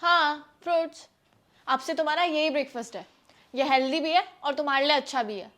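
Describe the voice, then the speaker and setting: A woman's voice: high voice, brisk, a bit bright. A young woman acting as a thrifty wife who firmly lectures her husband about saving money in a scripted family skit. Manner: firm, persuasive, lecturing.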